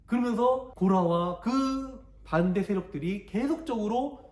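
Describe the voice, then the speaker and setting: A man's voice: sits high, a little slow, darkish tone. A male pastor telling a story in a sermon and acting out the characters. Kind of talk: animated sermon for a church ministry. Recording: echoey church hall.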